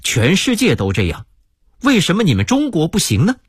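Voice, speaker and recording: A man voicing a baffled, demanding American hotel guest who fires off rapid, indignant questions. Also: high-pitched, wildly swooping pitch, husky, dry recording, clean studio sound, voice pushed up, exaggerated voice.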